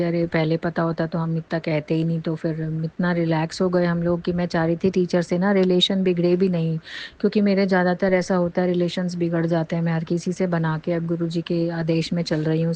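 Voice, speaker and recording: A woman's voice: lowish voice, mellow. A middle-aged woman giving an earnest, rambling devotional testimony. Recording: dull lo-fi recording.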